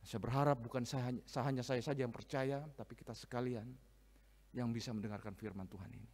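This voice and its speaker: A man preaching a sermon, swinging from soft asides to loud, emphatic reading of scripture. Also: medium pitch, fairly even intonation, a little fast. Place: church hall, live-streamed service. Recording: long reverb of a church hall.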